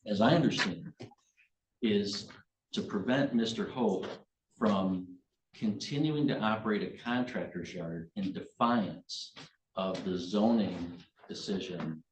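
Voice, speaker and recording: Male judge, halting delivery from the bench, fairly low voice, roomy sound with slight noise. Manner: halting, restarting phrases. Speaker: judge presiding over a hearing. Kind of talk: courtroom remarks from the bench. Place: courtroom. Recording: roomy, echoey courtroom with noise and clicks.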